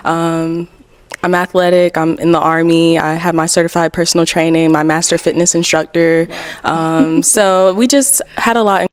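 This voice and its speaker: A woman's voice: fairly low pitch, fairly even intonation, moderate pace, smooth, dry recording. A woman answering on a dating show, hesitant and full of fillers.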